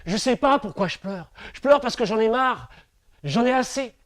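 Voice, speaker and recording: A man's voice: very high voice, lively intonation, normal speed, pitched above the performer's own voice. A man voicing a sulky, fed-up boy in a told story, blunt and exasperated.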